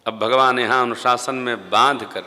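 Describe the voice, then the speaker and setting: A man giving a devotional sermon in a large temple hall, speaking slowly and emphatically into a stage microphone and singing scripture verses. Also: mid-range voice, fairly even intonation. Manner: slow, emphatic, rising to loud stressed phrases. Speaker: Ram Katha preacher. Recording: long hall reverb.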